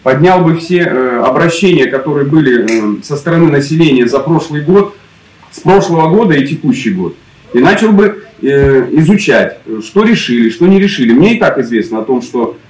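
Assertive man, animated pitch, distant echoey recording. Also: normal speed. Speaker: local election candidate, serving head of another settlement. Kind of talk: informal political argument with residents. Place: outdoors at a columned porch. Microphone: camera a few metres away. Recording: echoey, distant camera microphone.

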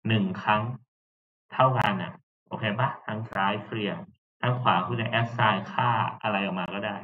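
A man lectures in a relaxed, conversational way, often pausing to ask if the class is following. His voice sits low. The sound is thin and phone-like, and at times he drifts away from the mic. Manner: chatty, checks understanding with frequent tag questions. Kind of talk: casual lecture on game theory. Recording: tinny phone-like audio.

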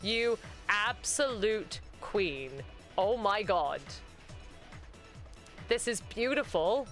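A woman hosting a live-stream showcase, gushing loudly and yelling with excitement, swearing freely. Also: medium pitch, drawn-out words, soft background music. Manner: loud, gushing, yells when excited, swears a lot. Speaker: host.

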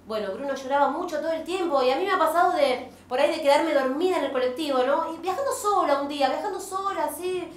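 A woman doing a stand-up comedy monologue with an animated, self-mocking delivery and a Rioplatense Argentine accent. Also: high-pitched, fast talker, few pauses. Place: theater stage. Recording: roomy theater sound.

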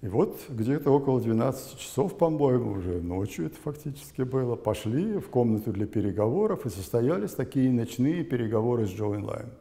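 An elderly man in his eighties reminisces in an interview, speaking deliberately and haltingly with emphatic stresses, in a reverberant room. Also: mid-range voice, animated, creaky, mellow. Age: elderly, 80s. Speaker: former interpreter recounting memories. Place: indoor plain room, seated before camera. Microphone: lapel mic. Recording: muffled sound with long room reverb.

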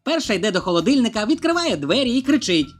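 A joke narrator reading a compilation of short jokes and voicing each character with a raised pitch. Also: very animated, fast talker.

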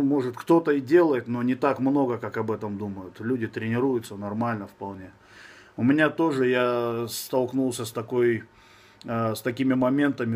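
A man in his thirties with a slushy, lisping s from braces, chatting casually and bluntly as a fitness coach answering viewers on a live stream. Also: mid-range voice. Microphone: phone at arm's length.

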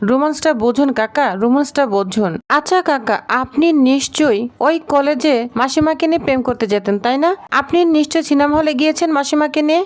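Brief: brash young woman in love, teasing and talking back, high voice; a woman reading the part. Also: fairly quick, hardly any pauses, lightly acted. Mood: cheeky.

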